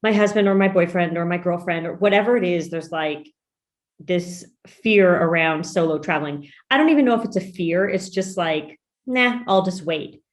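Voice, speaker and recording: A woman's voice: on the low side, moderate pace. A woman hosting a business podcast interview, upbeat and emphatic, now and then saying "y'all". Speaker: podcast host and business coach.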